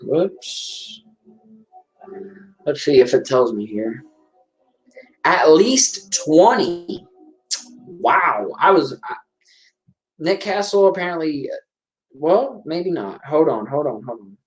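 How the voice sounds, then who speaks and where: A chatty man hosts a casual live-stream movie commentary, rambling and correcting himself as he goes. His pitch moves up and down a lot. The room around him is roomy and echoing. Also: big pitch swings, slow, long pauses, soft background music. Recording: roomy echo.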